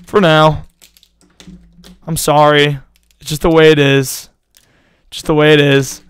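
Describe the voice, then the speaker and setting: A young male streamer with a somewhat high, smooth, clear voice that sounds a little worn out. He rambles loosely and slangily straight to his chat. The sound is close and dry, with no room around it. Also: little pitch movement, slow pace, no echo. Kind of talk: casual live-stream chat.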